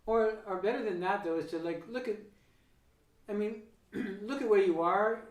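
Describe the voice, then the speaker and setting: A man's voice: sits high, normal speed. A man from the United States hosting a casual talk on economics and religious philosophy, thinking aloud with many fillers and restarts. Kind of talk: casual conversational interview. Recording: echoey room, voice from far off.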